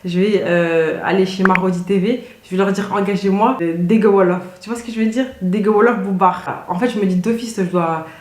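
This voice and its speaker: A young woman chats to her camera in a relaxed, slangy vlog style. She keeps circling back with fillers and restarts, her pitch sitting in an ordinary middle range. The room around her rings with a noticeable echo. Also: brisk, hardly any pauses. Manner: chatty, loose, slangy, many fillers and restarts. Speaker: vlogger. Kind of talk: casual chat to camera. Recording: roomy echoey room.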